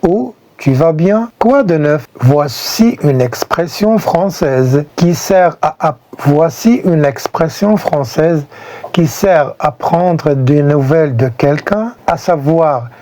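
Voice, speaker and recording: A man teaching everyday French phrases in a scripted lesson, speaking clearly and deliberately. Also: fairly high pitch, expressive, warm tone. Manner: clear, deliberate delivery with spoken example phrases. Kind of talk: slow scripted lesson narration.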